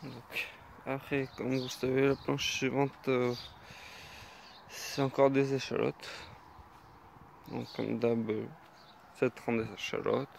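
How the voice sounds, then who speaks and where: A man with a mid-pitched voice shows viewers around his vegetable garden in a loose, relaxed ramble. He pauses often and fills the gaps with hesitations as he goes from bed to bed. Faint outdoor noise, birds and insects sit behind his voice. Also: vocal fry. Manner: unhurried, hesitant, many fillers. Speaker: home gardener giving a garden tour. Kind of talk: casual spoken garden tour.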